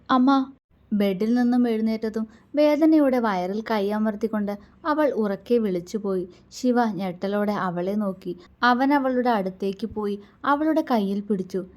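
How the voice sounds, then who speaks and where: A woman narrating a romance story in a steady, even reading voice. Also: medium pitch, normal speed.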